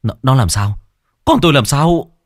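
A man's voice: mid-range voice, expressive, moderate pace, no echo, studio quality, voice pushed up, natural voice. A man voicing a grief-stricken young father who sobs and stammers. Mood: anguished. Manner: sobbing, stammering.

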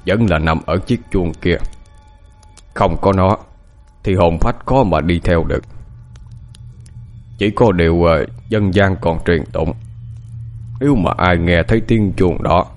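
An actor playing a lame old beggar man who speaks in a slow, grave, foreboding way in an audiobook. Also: low-pitched. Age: older.

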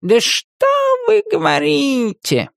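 A woman's voice: on the high side, very animated, creaky, no echo, clean studio sound, pitched above the performer's own voice, exaggerated voice. Woman doing a drawling sardonic talking cat. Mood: dry, ironic. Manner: slow, drawling and dryly ironic. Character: sardonic talking male cat, world-weary and ironic.

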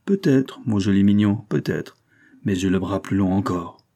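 A man's voice: on the low side, normal speed, creaky, warm tone. A man voicing a sly masked detective who answers with bold, ironic defiance. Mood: mocking.

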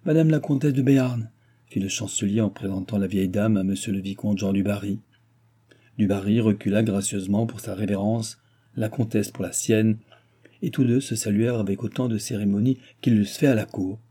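A man narrating a classic novel as an audiobook, with a measured, even reading. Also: on the low side, breathy edge. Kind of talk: scripted narration.

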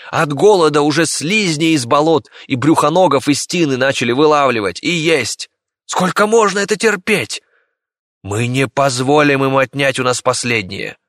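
A man playing a coarse, threatening village ringleader with a hoarse, cawing voice. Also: mid-range voice, fairly bright tone, no echo, clean studio sound, pitched above the performer's own voice. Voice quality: hoarse, crow-like. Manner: threatening and bullying.

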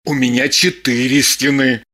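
A woman reading an audiobook voices a calm, firm man who teases his lover with dry mockery. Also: very deep voice, a little slow, voice pushed down, full character voice. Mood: coolly mocking. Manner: calm, firm, dryly mocking. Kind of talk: audiobook character voice.

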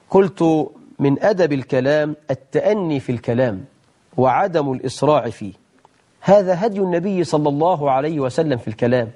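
A man's voice: fairly high pitch, warm tone, breathy edge. A man with an Egyptian Arabic accent, a sheikh giving a religious lesson and taking calls from viewers, delivering emphatic, scolding rhetorical questions. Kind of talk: religious lesson with call-ins.

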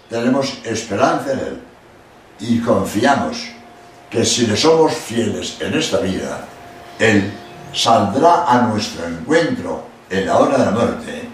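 Older Spanish priest in an echoey hall. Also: male voice, lowish voice. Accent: Spain Spanish. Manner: animated, acts out quotes, emphatic asides. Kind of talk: religious lecture. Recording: echoey hall from far off with faint noise.

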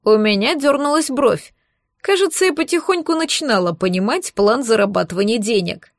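Bright-voiced woman narrating an audiobook. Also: fairly high pitch, lively intonation, moderate pace, no room sound, clean studio sound.

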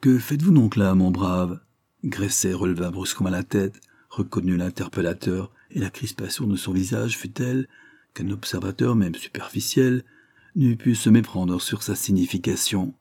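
A man narrating an audiobook in a measured, literary reading style. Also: deep voice, steady tone, warm tone, breathy edge, no room sound, studio quality. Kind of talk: scripted narration.

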